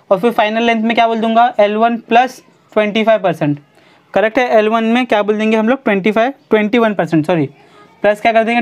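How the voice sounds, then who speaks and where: Brisk woman teaching physics online. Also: on the high side, darkish tone. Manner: brisk, repeats checking questions, urges students to hurry; slows down to dictate formulas. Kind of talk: online exam-prep lecture.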